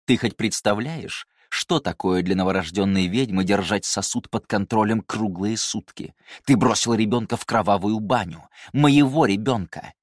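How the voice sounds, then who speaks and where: A man's voice: sits low, moderate pace, no echo, clean studio sound. Man voicing a haughty, seething mother. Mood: furious. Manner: cold, clipped, seething. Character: haughty scheming woman, a mother, furious.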